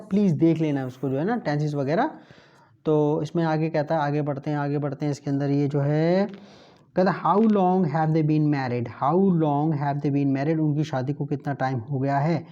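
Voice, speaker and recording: A man teaching an English grammar lesson in Hindi, slowly drilling example sentences and repeating each one in Hindi. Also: a little high, mellow. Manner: chatty, mutters while flipping pages. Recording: dull lo-fi recording.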